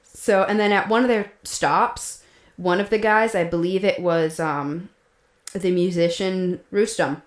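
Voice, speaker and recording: This woman speaks a little slowly in a voice on the low side, co-hosting a podcast and sharing the story in an easygoing, chatty manner. Laughter comes often, along with many fillers and restarts, and the room gives an echo.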